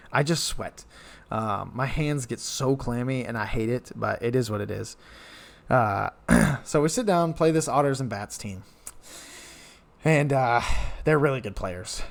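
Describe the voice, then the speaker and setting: A man's voice: medium pitch, creaky. A young man casually recounting a tournament match, rambling and correcting himself as he tells it. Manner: rambling, self-correcting, animated retelling. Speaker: card game content creator. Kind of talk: casual storytelling recap.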